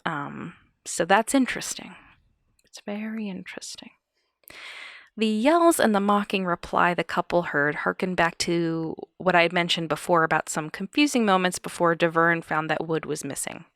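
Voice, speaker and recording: A woman's voice: lowish voice, fairly even intonation, normal speed, a bit bright, dry recording, studio quality. A woman hosting a podcast, recounting a true-crime case with wry, chuckling asides. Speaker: podcast host.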